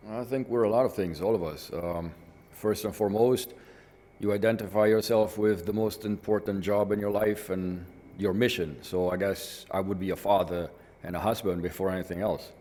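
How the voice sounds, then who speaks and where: A middle-aged artist from northern Italy answers interview questions reflectively, with frequent "you know" asides. His voice is fairly low and warm, with fairly even intonation at a moderate pace, in a reverberant hall with faint ambience.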